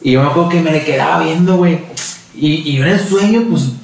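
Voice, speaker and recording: A man's voice: on the high side, fast, creaky. A man with a Mexican Spanish accent, telling stories in a casual podcast chat and peppering them with slang fillers. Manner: storytelling with constant slang fillers. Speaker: podcast co-host. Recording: roomy echo, distant mic, faint noise.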